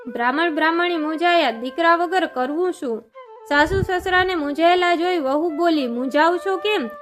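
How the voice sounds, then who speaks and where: A woman reading a devotional fast-day story aloud in a steady, measured way. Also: very high-pitched, soft background music.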